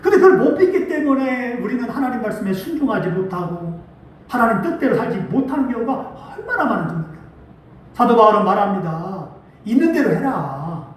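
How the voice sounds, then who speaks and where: A man pastor preaching a sermon, acting out quotes with lively feeling. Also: extremely high pitch, brisk. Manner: preaching with animated acted-out quotes. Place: church sanctuary. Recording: echoey church hall, mic at a distance.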